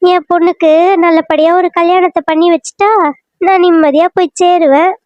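A woman's voice: very high-pitched, fairly even intonation, normal speed, a little mellow, no echo. A woman voicing a bitter, complaining middle-aged village mother in a cartoon serial, with a Kanyakumari Tamil accent and a wailing, reproachful way of talking. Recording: dry, muffled lo-fi recording.

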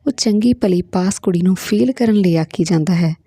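A woman's voice: medium pitch, slightly rough, no room sound, studio quality. A woman reading the lines of a bossy, hot-tempered female teacher who speaks sharply and gives orders. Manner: sharp, commanding, quick to anger.

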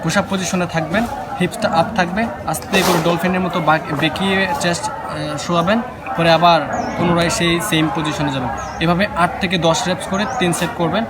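A man's voice: on the high side, steady tone, a little fast, over a noisy crowd. A man giving instructional workout narration as a fitness instructor, explaining things directly to the viewer. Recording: loud urban ambient noise.

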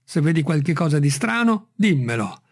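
A man doing an agitated, feverish gentleman. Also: a little high, big pitch swings, normal speed. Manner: agitated, urgent. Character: excitable gentleman, feverish and commanding. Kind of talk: audiobook reading.

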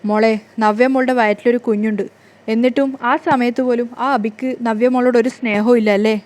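A woman's voice: on the high side, steady tone, fairly quick, a little mellow, lightly acted. A woman voicing a scheming, spiteful middle-aged mother who dotes on her daughter, in a plain reading voice. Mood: doting.

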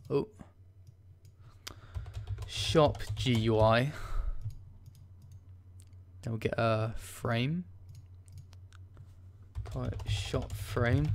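A man with a smooth, mid-range voice hosts a casual coding tutorial, talking through his screen as he types. He sounds hesitant, filling his speech with ums and frequent restarts.

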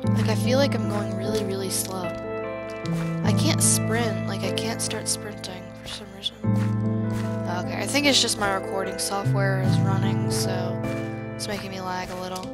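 Hosting a gaming video, this woman delivers casual, chatty, playful let's-play commentary in a slightly stuffy, congested voice. She keeps a medium pitch, a steady tone, and a moderate pace while loud music plays underneath.

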